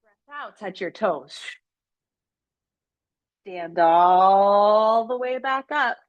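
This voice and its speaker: A woman yoga instructor gently guiding children and families through poses, with playful, encouraging cues. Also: mid-range voice, lively intonation, extremely slow, no echo, lo-fi sound. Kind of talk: guided kids' yoga instruction.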